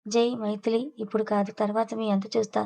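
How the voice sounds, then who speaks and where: A woman's voice: medium pitch, level tone, brisk, creaky, dark tone, low-quality recording. A woman voicing a scheming middle-aged mother-in-law who speaks in a bitter, threatening way, in an audio story. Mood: vengeful.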